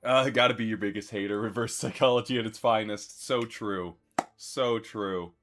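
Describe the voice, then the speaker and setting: A man streamer chatting casually with his viewers, relaxed and chuckling as he thanks them. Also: on the low side, normal speed, music in the background. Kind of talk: casual live-stream chat.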